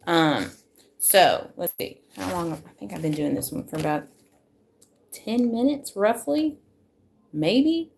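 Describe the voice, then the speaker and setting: A woman, going a bit hoarse, chatting to viewers as she gives a casual live tarot reading into her phone at home. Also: mid-range voice. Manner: chatty, self-deprecating, talks to viewers. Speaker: tarot reader.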